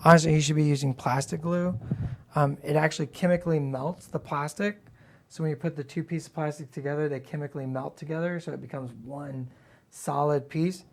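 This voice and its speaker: A woman with a gravelly, slightly worn-out voice, hosting a livestream in casual, blunt, playfully sassy hobby chat. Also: deep voice, steady tone, brisk, a little mellow. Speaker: livestream host.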